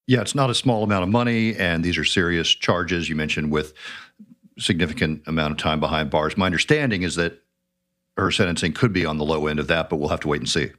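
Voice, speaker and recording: A man hosting a true crime show, asking a reporter questions in a measured, conversational way. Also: low voice, a bit bright. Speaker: podcast host. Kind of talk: interview questions.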